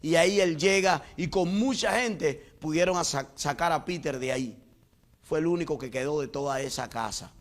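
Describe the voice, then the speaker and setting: A middle-aged male pastor preaching a sermon, telling a personal testimony and swinging between loud exclamations and hushed lows. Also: moderate pace. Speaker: pastor and missionary.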